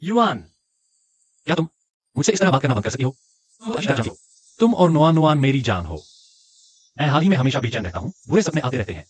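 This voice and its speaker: A man's voice: fairly high pitch, big pitch swings, quick pace, pauses often, slightly rough, dry recording. A man voicing a remorseful father who pleads with his estranged wife in a dubbed drama. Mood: pleading. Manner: pleading, anguished. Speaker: dubbed actor. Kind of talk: Hindi drama dubbing.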